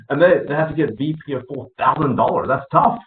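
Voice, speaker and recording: A man with a fairly high voice at normal speed hosts a casual business meeting for a real estate network over a group voice call. Heard on a tinny, echoey conference line with faint hiss, he chats freely, using many fillers and laughing between points.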